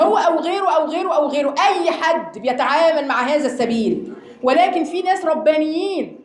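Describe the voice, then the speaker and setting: An Egyptian woman teaching a religious lesson to a class of women, animated and asking them rhetorical questions. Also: high-pitched, echoey room. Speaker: Quran teacher.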